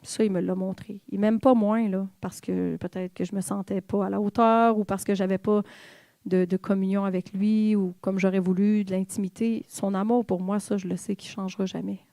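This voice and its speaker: A woman's voice: medium pitch, little pitch movement, normal speed, gravelly, dark tone, no echo. A woman with a Québécois accent giving a personal testimony sermon to a church, candid and confiding as she speaks straight to the congregation. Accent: Québécois French. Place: church in Quebec.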